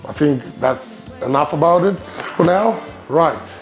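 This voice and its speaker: Soft background music accompanies a man whose voice is a little high and expressive, and who takes things slowly. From Lithuania and speaking English with a Lithuanian accent as a non-native speaker, he hosts a casual cooking vlog, hunting for words amid many ums and restarts.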